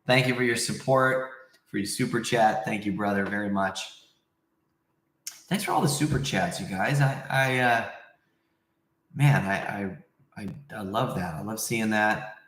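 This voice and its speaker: A man's voice: on the low side, measured pace, long pauses, a bit bright. A man hosting a casual livestream, rambling conversationally as he answers viewers, recorded in a very echoey room. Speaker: livestream host.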